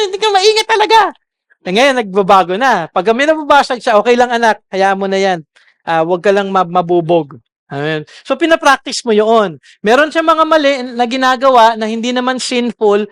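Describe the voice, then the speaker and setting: In a dry, clean studio recording, a pastor with a high, somewhat bright voice delivers a Sunday sermon. He switches between Tagalog and English and keeps checking in with the congregation by asking "okay?".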